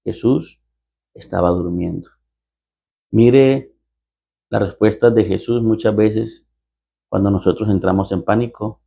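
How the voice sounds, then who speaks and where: A man preaches a storytelling sermon in a lowish, warm voice that is creaky with a breathy edge. He is unhurried and pauses often, repeating rhetorical lines and acting out the dialogue.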